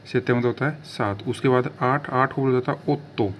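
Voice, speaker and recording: Man teaching, spelling words slowly. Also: mid-range voice, muffled recording, a little hiss or hum. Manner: repeats each word slowly, spells it out letter by letter; frequent check-ins to viewers. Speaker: language teacher. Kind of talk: video language lesson.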